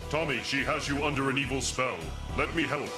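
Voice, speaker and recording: Ancient wise mentor, voiced by an actor; calm, solemn delivery under heavy music. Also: male voice, medium pitch, close to an everyday voice. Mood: urgent. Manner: measured, solemn. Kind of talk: 1990s TV action series acting. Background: loud music score.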